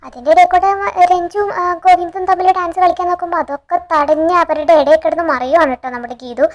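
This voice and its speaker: A woman's voice: extremely high pitch, fairly even intonation, highs cut off. A woman retelling a TV serial episode in a chatty, eager way, quoting the characters' lines as she goes. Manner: chatty, tags sentences with a friendly filler; quick, eager storytelling with quoted dialogue. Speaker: TV serial recap narrator.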